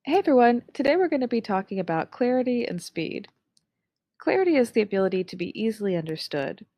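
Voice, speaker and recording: A young adult woman giving an online lesson on public speaking, with a clear, upbeat instructional delivery. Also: on the high side, sing-song, fast talker, dark tone, dry recording.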